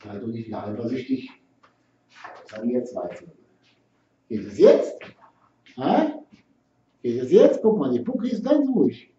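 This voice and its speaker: A man's voice: mid-range voice, very animated, a little slow, long pauses, warm tone, slight background noise. Man coaxing his pet bird, roomy and distant. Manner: teasing, sing-song coaxing with frequent "hä?" and "ne?". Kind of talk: coaxing talk to pet birds. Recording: dull, roomy home video from a distance.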